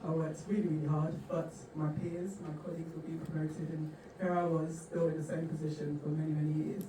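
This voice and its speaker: A woman's voice: low-pitched, level tone, brisk. A woman from Nigeria answering on a conference panel in a conversational way with many fillers. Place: large conference hall. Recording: echoey hall from far off, noisy.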